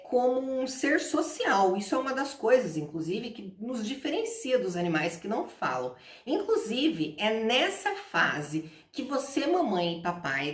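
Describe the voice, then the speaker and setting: A woman who teaches English, giving parenting advice in an explanatory vlog and talking straight to mothers and fathers. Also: medium pitch. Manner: explanatory, addresses parents directly. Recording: roomy echo, voice from a distance.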